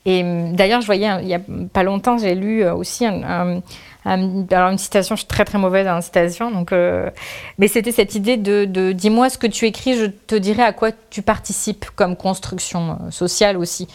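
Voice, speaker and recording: A woman author, a guest, answers interview questions casually, thinking aloud with many restarts, fillers and trailing phrases. Her medium-pitched voice is a little mellow, with fairly even intonation and a moderate pace.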